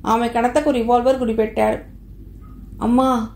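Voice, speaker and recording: A woman's voice: fairly high pitch, steady tone, normal speed, darkish tone, reverberant. A woman reading a novel aloud as an audiobook narrator, telling the story steadily and voicing the dialogue lightly.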